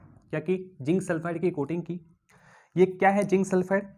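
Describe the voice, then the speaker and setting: This high-pitched man speaks at a moderate pace with an Indian accent while teaching physics to a class. Animated throughout, he echoes important terms back as questions and gives objects personalities in lighthearted little stories.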